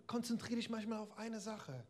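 A man voicing Jesus as a gentle adult man who kindly admonishes someone to focus on one thing. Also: high voice, normal speed, voice pushed up. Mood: gently admonishing. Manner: gently admonishing, direct address.

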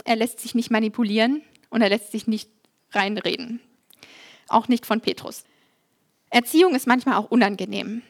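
Lively woman preaching a sermon. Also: fairly high pitch, moderate pace, long pauses. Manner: lively, humorous, conversational.

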